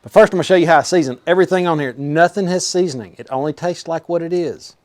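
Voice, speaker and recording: A man with a slightly high voice talks fast and casually to the camera while cooking for his home vlog, keeping it folksy and informal. The studio-clean recording has no echo, and food sizzles and fries clearly on a grill behind him.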